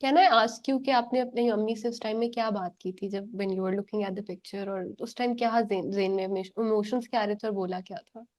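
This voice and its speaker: A Pakistani-accented woman hosting an interview while unwell, with a thin, squeaky voice, switching between English and Urdu. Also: fairly even intonation, racing, few pauses, darkish tone. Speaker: podcast host.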